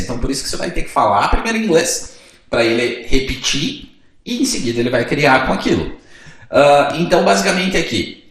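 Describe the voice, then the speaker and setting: A young Brazilian man teaching in a relaxed, chatty way, his voice lively and rising and falling a lot. He speaks a little high for a man and walks through each step, sometimes playing both student and teacher. The room rings with a strong echo. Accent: Brazilian Portuguese. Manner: chatty, explains step by step and acts out student dialogues. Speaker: English teacher. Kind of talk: casual teaching video. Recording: very echoey room.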